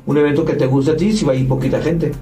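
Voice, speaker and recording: A man's voice: a little high, fairly even intonation, quick pace, mellow, far from the mic. A man, a podcast guest who organizes events, chatting casually and enthusiastically, often repeating himself and restarting sentences. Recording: echoey room, off-mic, faint music.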